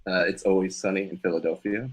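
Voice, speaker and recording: Chatting casually as a podcast co-host, this man speaks in a low, steady voice at a quick pace. He laughs often and fills his talk with fillers and restarts, and the slightly rough voice comes through on poor audio.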